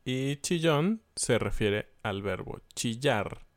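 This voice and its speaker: A Mexican man co-teaching a relaxed Spanish lesson, talking to the audience in an easy conversational way and asking them questions. His pitch is mid-range for a man. The sound is dry and close. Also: slow pace, no echo. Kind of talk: casual language lesson.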